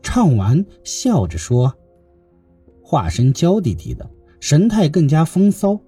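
A male storyteller reads a classical tale with a very lively, swooping melody. His voice is dark and husky, recorded close and dry, and faint music plays beneath him. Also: fairly high pitch, slow, dry recording. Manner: lively expressive reading. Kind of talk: scripted narration of a classical tale.

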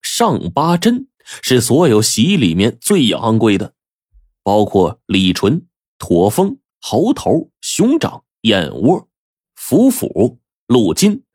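Husky male storyteller, very animated delivery, dry close-mic sound. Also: mid-range voice, slow, no room sound. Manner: animated, dramatic telling. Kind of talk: oral storytelling.

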